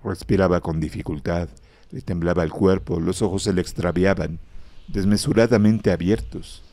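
Man, deep low voice, dark mellow tone, dry close recording, measured horror storytelling. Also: steady tone, no echo. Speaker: narrator. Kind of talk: scripted horror story narration.

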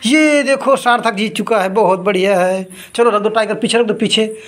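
Running a toy hunt for two kids, this medium-pitched woman narrates the action energetically. She rapidly repeats the names of items to speed them up, and she both scolds and laughs between rounds.

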